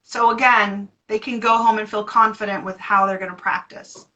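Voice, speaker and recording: An American woman, a voice therapist, answering interview questions in a playful, animated way. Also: mid-range voice, normal speed, lo-fi sound.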